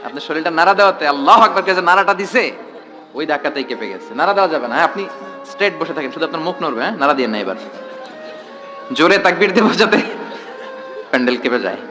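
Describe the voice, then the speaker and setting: A man's voice: on the high side, lively intonation, fast talker, long pauses, over music. A man preaching a sermon to a large gathering in a tent, throwing rhetorical questions at the crowd and calling for responses.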